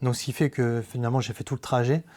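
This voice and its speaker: A man giving a personal faith testimony in a podcast conversation, speaking earnestly and haltingly, with many hesitations. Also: mid-range voice, steady tone, a little mellow. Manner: earnest, confessional.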